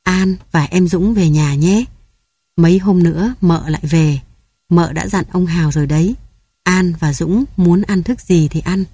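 A woman's voice: on the low side, a little slow, warm tone, husky, no room sound. A woman voicing a grieving mother who was cast out by her family, speaking in a tearful, choked, pleading voice. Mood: choked tender.

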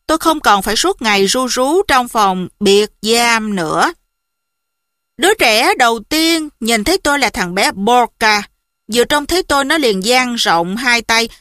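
A woman narrating an audiobook story in a lively, expressive first-person style. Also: on the high side, no echo, clean studio sound.

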